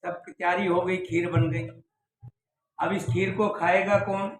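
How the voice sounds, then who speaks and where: A man telling a devotional story in a homely, joking way, drifting into slow chanted verse. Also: high voice, level tone. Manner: folksy, jokes with listeners, slows into sung verse. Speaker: religious storyteller. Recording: echoey room with faint noise.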